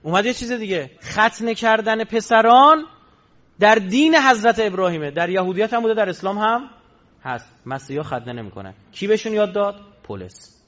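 A man giving a religious lecture in a casual storytelling way, jumping between loud emphatic lines and low murmured asides. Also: animated. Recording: dull lo-fi recording.

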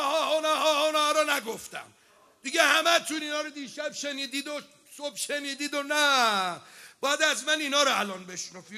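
A man leading a religious mourning gathering, switching between impassioned speech and chanted lament and calling on listeners to cry out. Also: extremely high pitch. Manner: shouts and cries out, urging the audience to weep and respond.

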